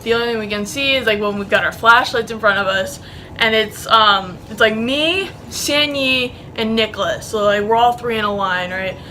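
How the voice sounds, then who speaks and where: A woman's voice: fairly high pitch, moderate pace, sharp tone, a little hiss or hum, rough recording. A young woman telling a story in casual vlog style, rambling and profane, with many fillers. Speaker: vlogger.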